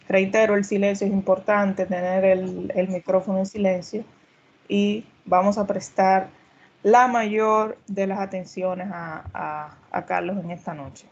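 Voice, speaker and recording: A woman's voice: mid-range voice, fairly even intonation, measured pace, a little mellow. A woman hosting and introducing an online community meetup, courteous and polite, often adding "verdad" as a tag. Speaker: community group organizer and host. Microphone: computer mic on a video call. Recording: dull lo-fi video call audio.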